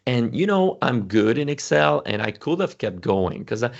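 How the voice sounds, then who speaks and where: An Excel instructor whose first language is French presents a casual screen-share walkthrough of a spreadsheet demo, correcting himself often and full of fillers and restarts. His medium-pitched voice is creaky, swings widely in pitch, and moves at a normal speed. The audio is lo-fi.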